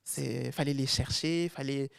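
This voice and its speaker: A young man from France speaks as a guest in a relaxed interview, his voice gravelly with a crackly fry. He talks loosely, full of fillers and restarts. The sound is close and dry, with no room around it. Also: mid-range voice, unhurried, no echo. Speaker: guest, fashion content creator. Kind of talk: casual interview chat.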